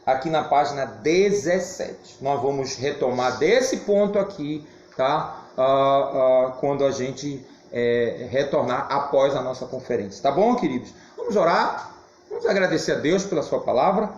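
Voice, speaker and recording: A hoarse man teaching an adult Sunday school class, speaking emphatically and now and then shouting. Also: medium pitch, a little slow. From Brazil. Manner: animated, emphatic, occasional shouting. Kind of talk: church Bible class teaching. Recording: roomy, dull, faint hiss.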